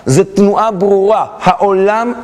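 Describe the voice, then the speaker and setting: A man teaching a Torah class, telling stories and asking the listeners questions, with an Israeli Hebrew accent. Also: high-pitched. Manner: animated, asks questions to the class and acts out story voices. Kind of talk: lively Torah lesson with storytelling.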